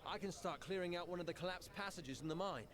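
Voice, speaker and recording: A man's voice: high voice, fast, fairly bright tone, slight background noise. An actor playing an enterprising male mining trader in a scripted fantasy video game. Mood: hearty, persuasive.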